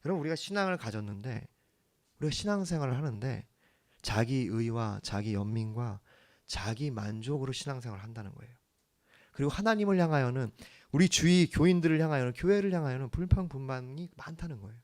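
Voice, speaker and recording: A man preaching a sermon as the church's pastor, earnest, swinging from hushed lines to emphatic ones. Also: mid-range voice, expressive, brisk.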